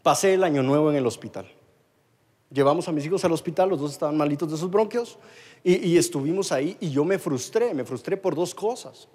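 Preaching to people in the room and those watching online, a Guatemalan man in his thirties tells his sermon as a story, repeating himself and starting words over. His voice is on the high side, a little mellow, and fairly quick.

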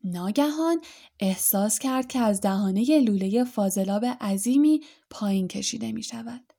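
A woman narrating an audiobook in a calm, even reading voice. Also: mid-range voice, gravelly, slightly rough. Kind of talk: storybook narration.

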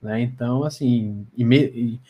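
A man's voice: medium pitch, measured pace, breathy edge, highs cut off. Brazilian man with a slushy, stammering lisp. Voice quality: tongue-tied lisp with slushy s. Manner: stammering, repeats words and syllables. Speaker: podcast guest. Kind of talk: casual podcast conversation.

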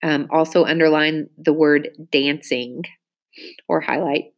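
Low-voiced teacher reading spelling words. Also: female voice, fairly even intonation. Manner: slow, clear dictation with example sentences. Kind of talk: spelling dictation lesson.

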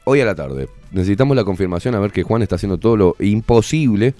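Rioplatense man, radio host, low lively voice, crude jokester, faint music. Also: quick pace. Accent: Rioplatense Spanish. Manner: joking, crude, teasing. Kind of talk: casual radio banter.

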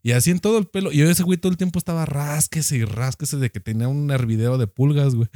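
A young man with a Mexican accent telling a profane, animated anecdote in casual chat. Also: on the high side, fast talker, no room sound, clean studio sound. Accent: Mexican Spanish.

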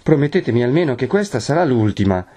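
A man's voice: mid-range voice, sing-song, fast talker, dark tone, breathy edge, pitched above the performer's own voice. A man voicing a young woman who pleads through sobs in a storybook reading. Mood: timid reproach. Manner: sobbing, beseeching.

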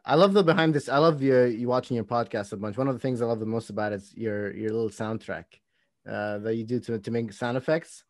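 A man's voice: medium pitch, quick pace, no room sound. A man co-hosting a podcast, chatting enthusiastically and praising his guest's show. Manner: enthusiastic, complimentary. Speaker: podcast co-host. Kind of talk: casual interview chat.

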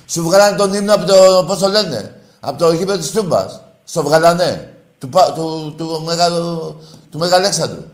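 A man's voice: fairly high pitch, expressive. Teasing, heated male radio host. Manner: teasing, needling, gets heated. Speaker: radio sports show host. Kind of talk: call-in radio banter.

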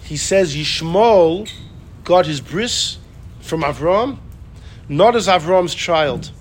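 Lively high-voiced man teaching. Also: takes it slowly, slight background noise. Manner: animated, acts out quoted speakers, repeats phrases. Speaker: Torah class teacher. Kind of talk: informal Torah class.

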